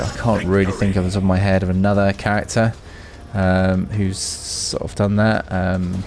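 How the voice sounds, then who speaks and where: A man hosts a gaming video with a low-sitting voice, offering casual, off-the-cuff commentary and thinking out loud as he plays. Background noise can be heard.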